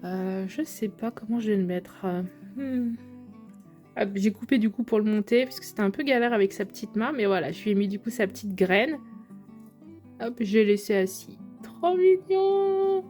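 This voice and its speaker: A woman's voice: mid-range voice, normal speed, a little mellow, faint music behind. A young woman, chatting to viewers as she unboxes figures, gushing over how cute they are. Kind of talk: casual unboxing vlog.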